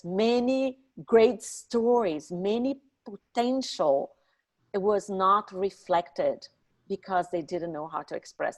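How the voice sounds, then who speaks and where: Middle-aged woman, expressive non-native English speaker. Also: medium pitch. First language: not English. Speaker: interview guest, entrepreneur and speaking coach. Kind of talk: conversational podcast interview.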